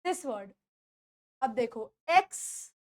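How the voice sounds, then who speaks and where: A woman teaches pronunciation in a classroom lesson, her voice high and her pace unhurried. She says each word again and again and keeps checking whether her students have understood. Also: fairly bright tone. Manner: drills words by repeating them and asks students checking questions.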